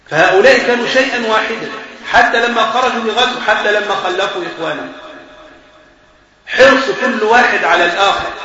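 Fast, animated Egyptian sheikh in an echoey hall. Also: male voice, high-pitched. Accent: Egyptian Arabic. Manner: animated, quizzing listeners, quick chuckles. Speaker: sheikh teaching Quran commentary. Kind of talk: mosque lesson explaining verses. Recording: very echoey, dull recording with crowd noise.

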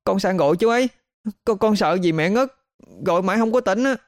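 A male storyteller voicing a frightened little boy who cries and stammers in a high, shaky voice. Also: fairly quick, no echo, studio quality, natural voice. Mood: scared.

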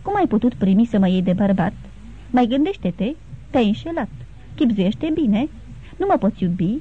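A woman's voice: a little high, big pitch swings, slight background noise. A woman voicing an anxious, despairing young man in an audiobook, speaking in pleading tones. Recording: tinny phone-like sound.

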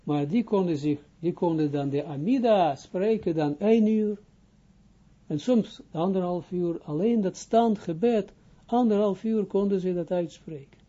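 A man teaching as a rabbi, his voice very mellow and dark with a husky grain, pitched a little above most men. He speaks haltingly, starting phrases over and pausing to check that listeners follow. The recording sounds dull and lo-fi. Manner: halting, restarts phrases, keeps checking understanding. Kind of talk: informal spoken lesson.

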